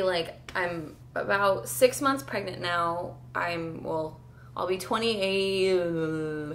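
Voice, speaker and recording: Hoarse lady vlogging, lowish voice, talks loose and jokey, laughs a lot. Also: slight background noise. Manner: chatty and self-mocking, laughs often. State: hoarse, losing her voice. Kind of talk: casual pregnancy vlog.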